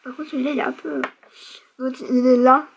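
A woman's voice: sits high, steady tone, fairly quick, vocal fry, a little hiss or hum, poor audio. A young woman vlogger chatting casually through a beauty product review, chatty and self-mocking, with lots of fillers.

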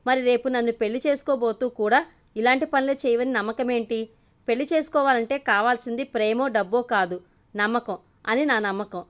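A woman's voice: a little high, fairly quick, lightly acted. A woman voicing a fiery, blunt young woman in an audio story, speaking in a biting, scolding way. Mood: scornful.

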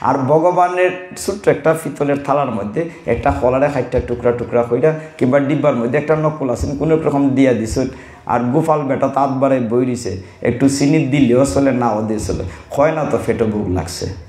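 A man preaching at a devotional gathering, teasing the listeners in a folksy way and reciting Sanskrit verses slowly. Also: mid-range voice, darkish tone. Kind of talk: devotional sermon. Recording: roomy hall echo.

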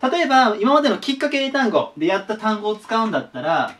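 A man's voice: high-pitched, very animated, quick pace, a bit bright. A man giving a casual whiteboard lesson as an online tutor, chatty and sharing his own memory tricks. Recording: voice a bit distant from the mic.

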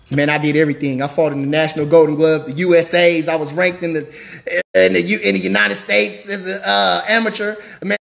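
A man in his late thirties, a former boxer, talking loudly and brashly in a hyped livestream rant, trash-talking and shouting at times. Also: sits high, vocal fry.

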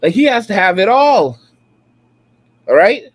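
A man near forty with a high-pitched voice delivers emphatic, repetitive commentary over video clips. He hammers his points home again and again in a preachy tone, streaming from a room at home. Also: very animated, a little slow, husky, no echo. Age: late 30s. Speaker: reaction streamer.

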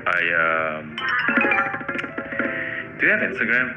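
A man's voice: sits low, very animated, takes it slowly, over loud music. A young man of twenty-one from Indonesia chatting casually and repeating himself on a video call. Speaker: video chat stranger, YouTuber. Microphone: computer mic on video call. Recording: echoey, dull lo-fi video call audio.

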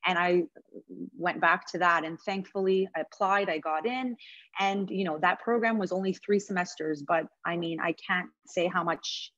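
A woman's voice: fairly low pitch, normal speed, fairly bright tone, no echo. A woman in her late twenties from Montreal, a news reporter speaking as a guest to journalism students over a video call, talking in a conversational way with many fillers and restarts. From Montreal, Canada. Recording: dull dry video-call audio.

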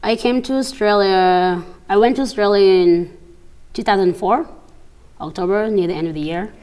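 A young actress from South Sudan, talking in a casual studio interview and telling her story with quick laughs and acted-out quotes. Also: medium pitch, darkish tone, smooth. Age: young adult. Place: TV studio set, seated on a sofa.

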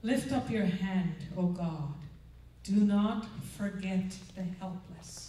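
A woman's voice: mid-range voice, slow, warm tone, distant mic. An older woman giving a chapel devotional and prayer into a handheld microphone on a large church auditorium stage, talking in an earnest, conversational way that keeps checking in with the audience. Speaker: chapel speaker. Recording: echoey hall, mic heard from afar.

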